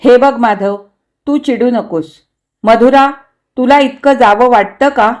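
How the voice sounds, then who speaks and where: Woman doing a chill caring buddy, calm and reasoning, slow. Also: a little high, close to an everyday voice. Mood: friendly. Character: loyal male friend, easygoing and caring.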